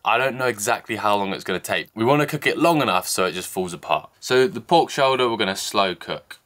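Filming on a handheld camera at arm's length, a young adult vlogger narrates casually from a snowy mountain cabin, both indoors and out. His lowish voice is expressive and fairly bright, moving fairly quickly. Chatty and self-deprecating, he explains as he goes.

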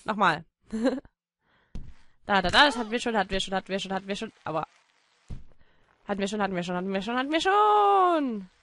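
A woman with a German accent giving playful, silly let's-play commentary, switching between mock storytelling and sudden shouts. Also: medium pitch, lively intonation, fairly quick, long pauses, no echo. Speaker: gaming YouTuber.

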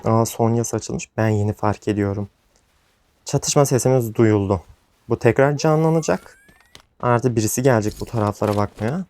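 A man's voice: on the low side, normal speed, darkish tone, slight background noise. Frustrated young man commenting on gameplay. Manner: frustrated, exasperated outbursts, rambling to viewers. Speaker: gaming YouTuber.

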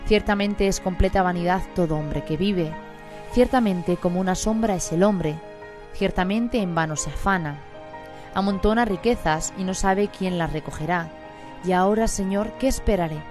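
A woman reading a psalm aloud in a solemn, measured recitation, with music clearly behind her voice. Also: on the low side. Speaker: scripture reader.

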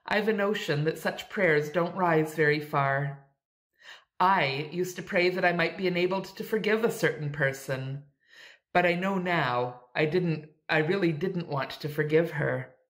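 A woman reading aloud, voicing a patient, candid older aunt in a measured, plaintive way. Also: low-pitched. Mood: wry.

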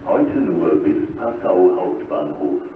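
Very echoey, low-voiced male German station announcer. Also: huge pitch swings, distant mic. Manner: measured, impersonal, segmented announcement phrasing. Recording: muffled echoing station PA with clear noise.

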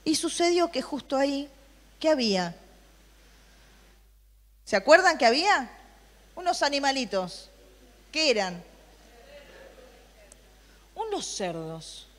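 Woman preacher, higher voice, lively questioning delivery, long hall reverb. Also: moderate pace, long pauses. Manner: lively, asks the room questions, reads Bible versions aloud. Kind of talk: sermon with questions to a youth group.

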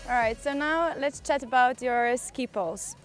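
High-voiced young woman giving ski instruction. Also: moderate pace. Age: young adult. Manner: step-by-step, often checking with "yeah?". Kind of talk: instructional tutorial presented to camera. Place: outdoors on a snowy ski slope. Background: background music.

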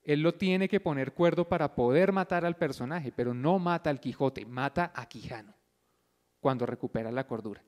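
A man with a fairly high voice gives a didactic talk, stopping now and then to ask if his listeners follow. He thinks aloud with small fillers and restarts as he explains. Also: moderate pace, darkish tone. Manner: didactic, checks in often with a questioning "yes?". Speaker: lecturer at a pre-concert talk. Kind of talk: explanatory lecture.

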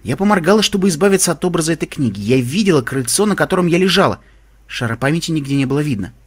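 A male narrator reads a first-person audiobook with an expressive, emotional delivery. His voice is husky and a little high for a man. He carries the story with strong feeling. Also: very fast. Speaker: audiobook reader.

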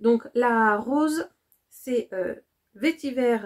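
A woman's voice: on the high side, moderate pace, a little mellow. A woman from France chatting casually to camera about her haul, often hesitating with fillers and repeating words. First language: French. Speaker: vlogger presenting a shopping haul.

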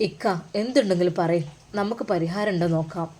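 Woman voicing a gentle consoling younger brother. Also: on the low side, fairly quick, close to an everyday voice. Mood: soothing, soft. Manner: soothing, earnest, reassuring.

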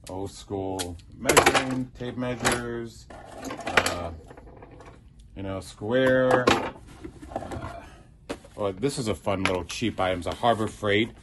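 Over very noisy audio, a low-voiced middle-aged man gives a casual, rambling tour of his theater prop shop prop box. He runs through the tools in show-and-tell fashion, with many ums and uhs.

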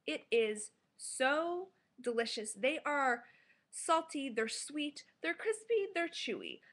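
A woman's voice: high voice, bright, forceful tone. A woman in her thirties giving a casual, enthusiastic food review to camera at home as a food blogger. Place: small living room at home, indoors.

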